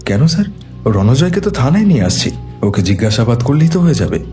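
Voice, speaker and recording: A man's voice: medium pitch, big pitch swings, quick pace, mellow, faint music behind, close to an everyday voice. An actor playing a young police officer who answers his superior respectfully and a bit uncertainly. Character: young male police officer, the detective's assistant.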